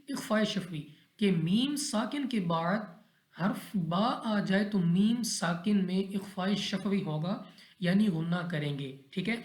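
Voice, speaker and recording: A man teaching Quran recitation rules step by step in a methodical, repetitive way, often checking in with his listeners. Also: high-pitched. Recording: echoey roomy recording.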